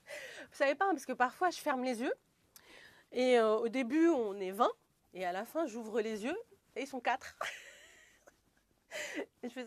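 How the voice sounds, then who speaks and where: A young woman leading a goofy yoga class in French, rambling with slangy asides and frequent giggles. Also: mid-range voice. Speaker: yoga teacher. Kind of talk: playful self-mocking yoga class.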